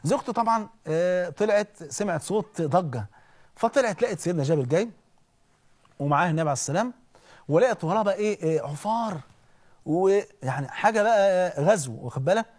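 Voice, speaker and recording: A man with an Egyptian accent preaching in an animated, conversational storytelling way, often checking in with listeners. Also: high voice, quick pace. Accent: Egyptian Arabic. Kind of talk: storytelling sermon.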